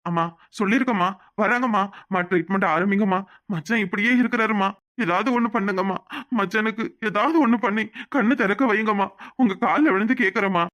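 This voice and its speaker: A man's voice: high voice, fast talker, a bit bright. A man voicing a remorseful cartoon man who pleads and reproaches himself. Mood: begging. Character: remorseful man pleading with his brother-in-law. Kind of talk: cartoon voice acting.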